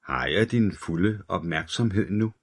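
A man voicing a menacing male killer with a metallic voice, speaking slowly and quietly in a taunting way. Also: deep voice, animated, husky, heavily acted.

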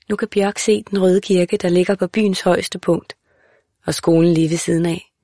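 A woman reads a literary audiobook in a calm, measured voice that sits a little low. The sound is dry and close, with no room around it. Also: dry recording. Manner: calm, measured, even reading. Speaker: audiobook narrator. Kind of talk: scripted literary narration.

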